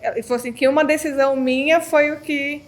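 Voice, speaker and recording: Woman hosting a chatty podcast, kinda high voice, hesitant, lots of fillers. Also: steady tone, fast. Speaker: podcast host. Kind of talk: casual chat.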